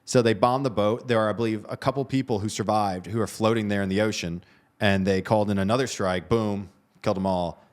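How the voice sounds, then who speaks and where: A man's voice: lowish voice, steady tone, a little fast. A man co-hosting a news show, discussing the headlines in a conversational, hedging way and often restarting his phrases.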